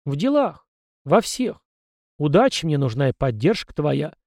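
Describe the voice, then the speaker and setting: A blunt young soldier, voiced by a man narrating a storybook. He snaps back sarcastically in a fairly high, plain voice. The recording is dry and close. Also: big pitch swings, measured pace, a little mellow, no room sound.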